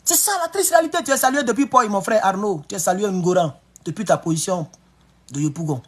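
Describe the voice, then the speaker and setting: A man giving excitable, emphatic political commentary on a live stream. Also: sits high, quick pace, breathy edge.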